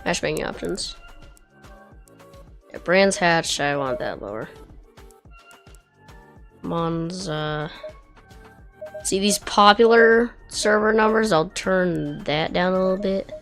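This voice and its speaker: Lady streamer talking thru her sim races, low-ish voice, music blasting behind. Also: expressive, takes it slowly, long pauses. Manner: chatty, muttering to self and chat. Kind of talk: casual livestream commentary while racing. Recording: loud background music over voice. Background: background music.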